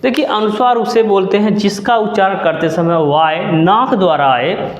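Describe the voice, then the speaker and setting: A male teacher giving a grammar lesson, repeating key terms slowly and asking the class questions. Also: high voice. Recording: dull echoey room, lo-fi.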